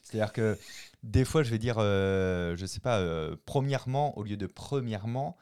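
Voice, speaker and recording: Brief: young man from La Rochelle, lowish voice, lively casual guest, quick restarts and laughs. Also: clean tone. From France, La Rochelle. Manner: animated, laughs often, many restarts. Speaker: mentalist guest. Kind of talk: casual chat.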